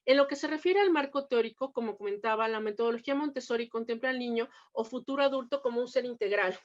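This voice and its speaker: Woman lecturing, high voice, lo-fi. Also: fast talker. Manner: explanatory, rhetorical questions, many fillers and restarts. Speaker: teacher trainer. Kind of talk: recorded lecture on preschool math teaching.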